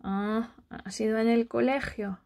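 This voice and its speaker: A woman, a vlogger and mother, chatting softly and dotingly with a child and her viewers. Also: on the high side, fairly even intonation, a little slow, creaky. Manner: doting and soft, speaking as to a small child. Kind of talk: casual chat with a child and viewers.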